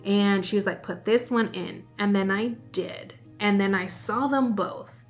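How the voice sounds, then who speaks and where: A young woman in her twenties telling a personal story to camera in a casual, animated way while doing her makeup. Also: mid-range voice, measured pace, soft background music. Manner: chatty, animated, addresses viewers as guys. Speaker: beauty vlogger.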